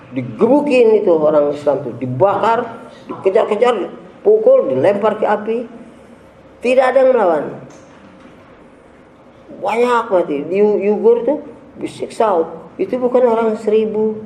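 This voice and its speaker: A man's voice: sits high, dark tone, slight background noise. A man preaching to a gathering, emphatic and scornful, firing off rhetorical questions. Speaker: religious leader giving a talk. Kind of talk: preaching sermon. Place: large gathering hall. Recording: echoey room.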